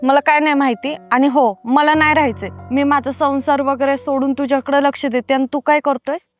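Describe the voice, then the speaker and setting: A woman's voice: high-pitched, fairly even intonation, fairly quick, soft background music, natural voice. A woman playing a curt, fed-up mistress. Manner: curt, dismissive. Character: fed-up married mistress, sharp-tongued. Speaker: married lover. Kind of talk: comedy film acting.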